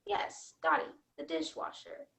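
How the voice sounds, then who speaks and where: A woman's voice: a little slow, a bit bright, close to an everyday voice, poor audio. A woman playing an overly polite robot vacuum who talks in stiff, formal android diction. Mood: earnest. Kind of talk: stage comedy acting.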